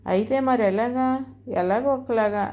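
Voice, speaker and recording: A woman's voice: on the high side, measured pace, dark tone, muffled recording, natural voice. Woman voicing a fussy old mother-in-law. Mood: pleading. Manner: chiding, pleading, easily confused. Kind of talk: storybook dialogue.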